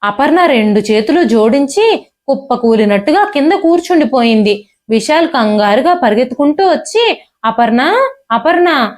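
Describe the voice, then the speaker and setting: A woman's voice: high voice, expressive, moderate pace, a little mellow. A woman telling a dramatic family story in an emotive audiobook reading. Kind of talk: audiobook narration.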